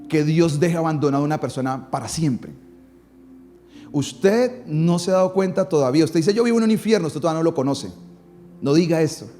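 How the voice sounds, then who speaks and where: Man, pastor, dramatic sermon, rising and falling emphasis, slightly high voice. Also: mellow.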